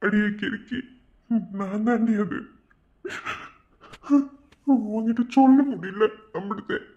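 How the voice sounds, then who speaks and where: An actor with a playing a blunt, teasing young man who is gentle with his friend and keeps a secret from her, in a television drama. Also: medium pitch, highs cut off, natural voice.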